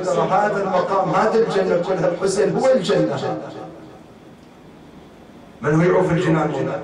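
High-voiced preacher in echoey hall. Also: male voice. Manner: impassioned, mournful storytelling. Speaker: mulla preacher. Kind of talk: Shia mourning sermon. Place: mourning hall with gathered listeners. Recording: echoey hall from far off, crowd.

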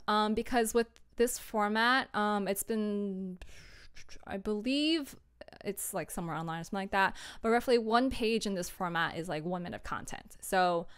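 In a small room at home, a young adult woman who streams and creates audio dramas chats casually on a livestream, offering tips. Her mid-range voice has a clean tone, and she is informal, self-deprecating and giggly.

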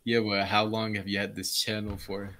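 Young guy on a video call, lowish voice, chill and curious. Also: flat delivery, moderate pace, bright, forceful tone. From Palestine. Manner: friendly, curious. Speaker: video chat stranger. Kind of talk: casual chat.

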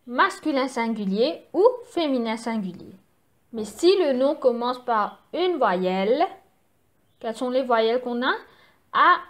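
A woman teacher giving a recorded grammar lesson for children, patiently spelling out letters and repeating each rule. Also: fairly high pitch. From Mauritius.

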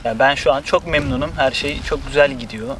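A man's voice: medium pitch, a little fast, music in the background. A man chatting casually and cheerfully as a guest on an outdoor vlog. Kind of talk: casual chat.

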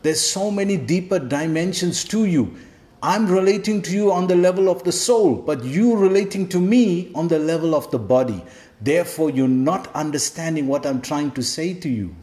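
A man voicing a calm divine male teacher who instructs his pupil in an earnest tone, within a devotional lecture. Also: a little high, moderate pace, close to an everyday voice. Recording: echoey room.

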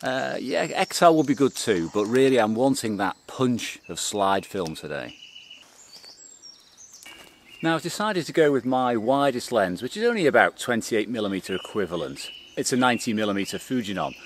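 A middle-aged man talking to camera in a forest, calmly explaining his photography gear step by step. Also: medium pitch, normal speed, slight background noise. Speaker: photography vlogger. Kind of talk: casual explanatory talk to camera. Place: outdoors in a green forest.

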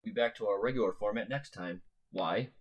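A man co-hosting a podcast in casual chat, laid-back and chiming in with quick agreements. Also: on the low side, heavy background noise. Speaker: podcast co-host.

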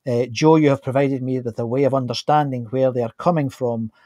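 Speaking a little fast in a dark, steady, mid-range voice, a fifty-something host of an online interview show keeps things casual, conversational and appreciative. He records indoors in a small home studio on a close, stand-mounted microphone, and the audio is dry and clean.

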